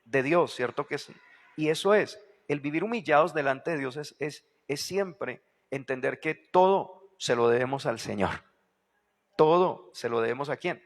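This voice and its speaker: Male pastor, sermon, fry-tinged voice, leans on "right?" asides and repetition, echoey hall sound. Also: fairly high pitch, unhurried. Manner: constant rhetorical questions to the congregation; repeats key phrases with emphasis.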